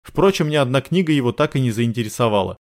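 A man's voice: mid-range voice, animated, fast, darkish tone. Man narrating an audiobook steadily. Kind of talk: scripted narration.

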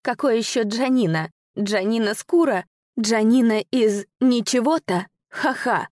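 A woman's voice: a little high, measured pace, a little mellow, no echo, clean studio sound, voice pushed up, close to an everyday voice. A woman voicing a tall, ageless shadow man who mumbles shyly and then laughs shamelessly, in a storybook reading. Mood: bashful mocking. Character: shy tall ageless male shadow, giggling.

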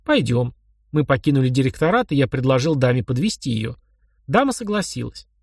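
A man's voice: mid-range voice, big pitch swings, a little fast, vocal fry, breathy edge, no echo. Guy reading an audiobook in first person, wry easygoing tone, dry close mic. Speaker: audiobook narrator. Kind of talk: first-person novel narration.

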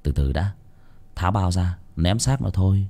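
A man voicing a callous, thrifty henchman who speaks flatly and matter-of-factly. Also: low-pitched, moderate pace, vocal fry, heavily acted.

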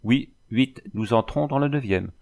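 A man voicing a gentle but bossy young woman nursing a patient, in an audiobook reading. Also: medium pitch, unhurried, vocal fry. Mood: coaxing, bossy. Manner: softly commanding, coaxing.

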